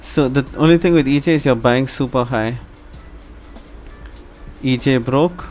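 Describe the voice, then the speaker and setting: A man from India casually commenting on a live stream, chatting to his viewers in a relaxed way. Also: mid-range voice, a little slow, faint music behind. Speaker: live trading stream host.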